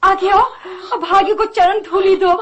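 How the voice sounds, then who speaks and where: A woman's voice: very high voice, fairly even intonation, unhurried. A woman playing an old village aunt who wails and laments over a dying woman in a radio drama. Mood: lamenting. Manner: wailing, lamenting.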